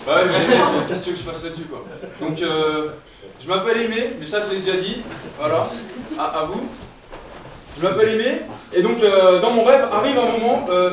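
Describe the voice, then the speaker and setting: Young man, high voice, improvised stand-up, chatty and rambling, very echoey hall, noisy distant recording. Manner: loose, chatty, frequent fillers and restarts. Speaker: stand-up comedian. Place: live comedy stage before an audience. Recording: distant live room mic, strong echo, noisy.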